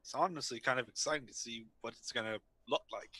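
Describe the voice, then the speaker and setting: A man's voice: medium pitch, fast, bright, forceful tone. A man at a tabletop game, talking in character in a friendly, easygoing way. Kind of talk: casual in-character chat.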